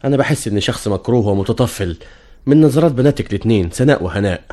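An actor with an Egyptian accent playing a flattering middle-aged suitor in an old radio drama. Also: male voice, medium pitch, racing, natural voice. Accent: Egyptian Arabic. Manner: flattering, wheedling.

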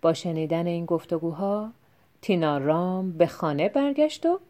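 A woman calmly narrating a folk tale as an audiobook reader, in an even storytelling manner. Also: on the low side.

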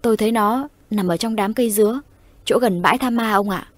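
A woman's voice: medium pitch, brisk, no room sound, close to an everyday voice. A woman voicing an adult village man who politely reports to an elder in a horror audio story. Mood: reporting.

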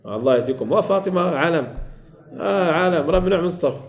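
A man's voice: high voice, fast talker, reverberant. A man teaching a classroom lesson on Quran recitation rules, repeating key phrases and quizzing his students.

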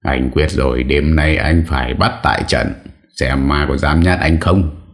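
Deep low man reading a spooky story out, steady and measured. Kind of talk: scripted narration of a ghost story.

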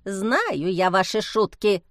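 A grumpy, stern male swamp spirit for an audiobook tale, read by a woman. He grumbles gruffly and slowly, low in his throat. The sound is close and dry. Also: very animated, a bit bright, no room sound. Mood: grumbling.

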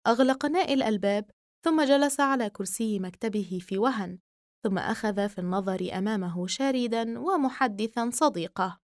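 A woman reading a novel aloud as an audiobook narrator, in measured literary narration. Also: on the high side, dry recording, studio quality. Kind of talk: scripted narration.

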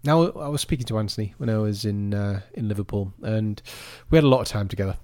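A man's voice: fairly low pitch, fast talker, mellow, dry recording, studio quality. A man co-hosting a podcast, rambling and chatty, often restarting his sentences. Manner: rambling, chatty, self-interrupting. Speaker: podcast co-host. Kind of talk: casual chat.

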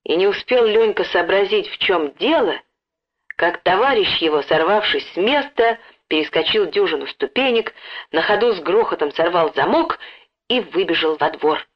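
A woman narrating a story in a lively, expressive way, acting out the dialogue. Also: on the low side, moderate pace. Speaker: audiobook narrator. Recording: dull lo-fi recording.

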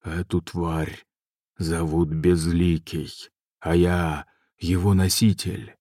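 A man voicing a huge, menacing male demon lord in an audiobook, speaking in a slow, rumbling way. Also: level tone, a little mellow, no room sound, clean studio sound, heavily acted.

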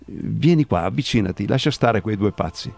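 A man voicing a calm old man who drinks liquor and shrugs off the fuss around him, in a radio story reading. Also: lowish voice, vocal fry. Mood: easygoing. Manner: easygoing, unhurried.

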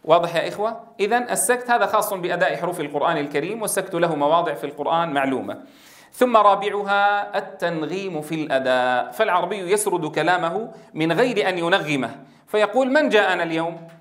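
A man's voice: high voice, quick pace. A man from Syria giving a lecture on Quran recitation, acting out different pronunciations and often checking with his listeners. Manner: animated, demonstrates pronunciations and recitation, asks the audience. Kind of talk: classroom lecture.

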